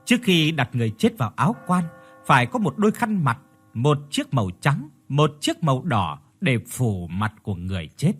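A man's voice: medium pitch, big pitch swings, moderate pace, a bit bright, breathy edge, faint music behind. A man voicing a stern middle-aged village shaman who gives solemn, commanding instructions. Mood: solemn instructing.

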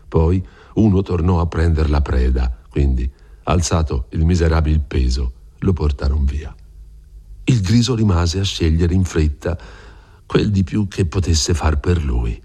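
A man reading a classic novel aloud in a measured, expressive narration. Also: very deep voice, breathy edge. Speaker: audiobook reader. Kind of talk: dramatic literary narration.

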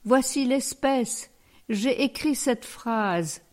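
A woman's voice: fairly high pitch, expressive, extremely slow, a little mellow. A woman voicing a pompous, pedantic elderly man who weighs every word, in a read storybook. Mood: fussy. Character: fussy pompous elderly male parishioner.

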